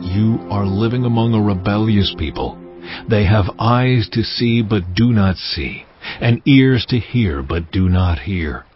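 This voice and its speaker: An actor playing a solemn, commanding God who pronounces judgment gravely and deliberately in a dramatized audio Bible. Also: male voice, lowish voice. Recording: muffled sound with music behind. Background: cinematic music.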